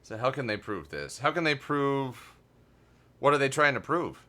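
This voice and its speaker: A man's voice: medium pitch, big pitch swings, moderate pace, bright, forceful tone. A man giving casual commentary as he plays through a video game. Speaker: gamer commenting on a playthrough.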